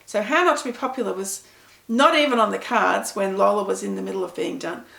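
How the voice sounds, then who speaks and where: Middle-aged aussie woman telling stories on her vlog, bit of vocal fry, echoey room. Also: medium pitch, fairly quick, a bit bright. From Pakistan. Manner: chatty, self-deprecating storyteller. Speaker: author answering reader questions. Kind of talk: casual talk to camera.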